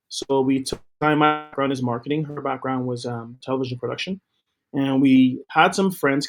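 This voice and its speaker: A middle-aged man giving an upbeat, promotional account of his TV company as an interview guest, with a few fillers. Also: medium pitch. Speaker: guest, TV co-founder. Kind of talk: interview talk.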